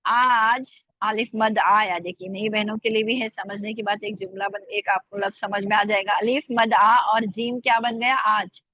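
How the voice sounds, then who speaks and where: A woman teaching an online language class, slowly repeating words and sounds for her students. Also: medium pitch, fairly even intonation. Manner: slow careful drilling of sounds, repeating words. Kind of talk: spoken language lesson. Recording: dull lo-fi sound.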